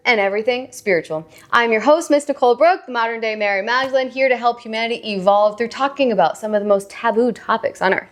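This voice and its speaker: A woman's voice: on the high side, fast, hardly any pauses. Upbeat woman hosting a podcast. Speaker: podcast host. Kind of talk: casual podcast chat.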